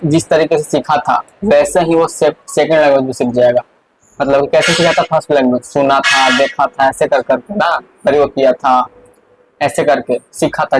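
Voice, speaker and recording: Slightly high-voiced man teaching a lesson. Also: noisy background. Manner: explains step by step, repeats key points, frequent fillers. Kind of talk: exam-prep lesson.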